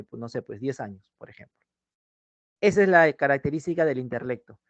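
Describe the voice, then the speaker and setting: A man's voice: a little high, no echo. A man giving an online pre-university language class, often repeating his key phrases and checking in with "¿sí?". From Peru. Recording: dull, dry lo-fi mic sound.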